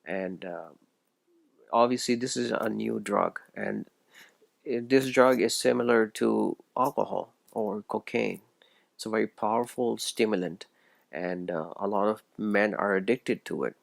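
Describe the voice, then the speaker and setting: Gravelly low-voiced man preaching. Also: a little slow, no room sound. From Pakistan. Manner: earnest and preachy, stumbles and restarts phrases. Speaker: video essayist. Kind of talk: solo religious commentary monologue.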